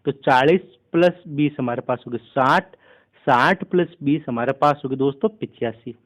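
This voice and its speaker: A man teaching a maths lesson for an exam, explaining each step slowly and steadily. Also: mid-range voice. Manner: steady step-by-step explaining, keeps addressing listeners as friends.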